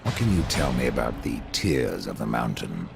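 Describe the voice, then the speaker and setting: An actor playing Death, a grim, sardonic horseman, in a video game cutscene, with a gravelly voice and dry, questioning manner. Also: big pitch swings, normal speed, noisy background, exaggerated voice. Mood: wry. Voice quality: gravelly, very deep. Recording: game score playing behind.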